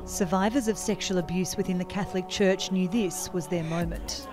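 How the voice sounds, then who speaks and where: A woman reporter reading a scripted news voice-over with a measured, even delivery. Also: fairly low pitch. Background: music bed.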